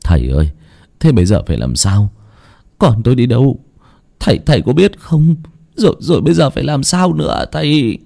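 A worried older father, as a male storyteller puts him on, asks halting, anxious questions. The storybook figure sounds rattled, his pitch swinging as he pleads. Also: sing-song, creaky, dark tone.

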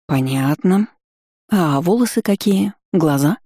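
An audiobook reader voicing a lively young woman who fires off questions and scolds her friend. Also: medium pitch, no room sound, studio quality, close to an everyday voice. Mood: questioning. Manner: exclaiming, chiding, quick questions. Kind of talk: audiobook character voice.

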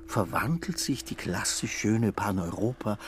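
A man narrating a dream scene in a radio play, in a lively, playful storytelling manner. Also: on the low side, a little slow, noisy background.

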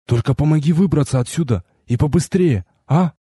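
Brief: man doing a jittery young soldier recruit, husky and pushy, voice pitched a bit high and darkly mellow, dry close read. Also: brisk, no room sound. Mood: pleading. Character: jittery young male army conscript, pleading. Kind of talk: audiobook character voice.

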